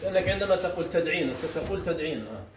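Male sheikh teacher, high voice, quizzes his class as he explains, echoey room recording. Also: animated. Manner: explains step by step and often checks the class with quick questions. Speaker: sheikh teaching Arabic morphology. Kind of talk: classroom lesson. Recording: echoey room, muffled sound, faint hiss.

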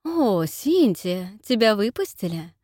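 A woman's voice: mid-range voice, big pitch swings, slow pace, dark tone, no room sound, studio quality. Woman voicing a blunt, curt woman of forty. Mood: brusque. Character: blunt, brusque woman in her forties.

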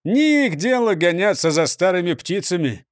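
A man's voice: high voice, big pitch swings, normal speed, no echo, clean studio sound. A man voicing a stern, pompous male police chief who scolds and orders people about, read as a storybook. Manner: scolding, bossy. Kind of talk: storybook reading.

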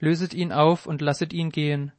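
A man reading Jesus in an old-style Bible recording, speaking in a solemn, measured way. The voice sits a little high for a man and keeps a flat, even tone. The sound is close and dry. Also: no echo, natural voice. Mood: commanding. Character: Jesus, a calm grave man teaching.

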